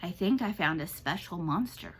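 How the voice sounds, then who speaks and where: A woman's voice: fairly low pitch, expressive, normal speed, husky. A woman voicing a shy, curious little female possum in a read-aloud storybook, sounding timid and hesitant. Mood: earnest.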